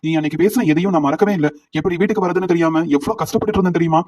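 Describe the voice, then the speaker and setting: A man's voice: high-pitched, very fast, darkish tone. A man reading a bitter middle-aged husband. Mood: resentful. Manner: reproachful, complaining.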